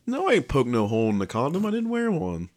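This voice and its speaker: A man's voice: mid-range voice, huge pitch swings, fast, darkish tone, slight background noise. A young man co-hosting a casual chat podcast, crude and teasing, laughing often as he reminisces. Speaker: podcast co-host.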